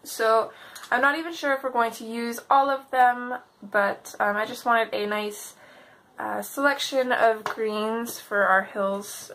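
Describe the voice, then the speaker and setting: Lady w slightly high voice, bit of a sore throat, chatting thru a craft tutorial, unhurried, some bg noise. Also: fairly even intonation, a bit bright. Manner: unhurried, thinking aloud. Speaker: host of a coloring tutorial video. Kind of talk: casual tutorial chat while working. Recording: clear background noise.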